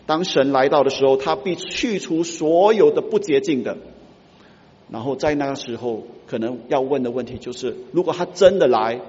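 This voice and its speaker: A man preaching a sermon, moving between soft asides and loud, emphatic outcries. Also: mid-range voice, moderate pace. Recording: roomy reverb, muffled sound.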